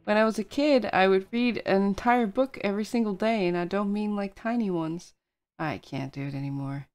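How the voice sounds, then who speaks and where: A woman's voice: medium pitch, moderate pace, a little mellow, soft background music. A woman streamer chatting casually with her viewers, reacting to chat with frequent laughter and yawning from tiredness.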